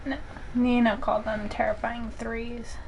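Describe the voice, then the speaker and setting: A woman with a fairly high voice chats with her partner in an offhand, teasing way. A faint hiss sits under her talk. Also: level tone, a little slow, a little mellow, rough recording. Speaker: streamer's partner. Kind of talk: casual chat.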